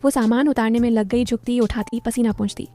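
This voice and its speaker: A woman narrating a scripted story in a steady, descriptive way. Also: fairly high pitch, fairly quick.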